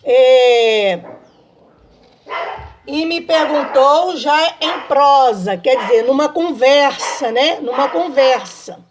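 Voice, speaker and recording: A woman's voice: sits high, lively intonation, slow, background noise. A woman teaching a remote lesson to young children, in a patient sing-song manner, checking often that they follow. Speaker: primary school teacher.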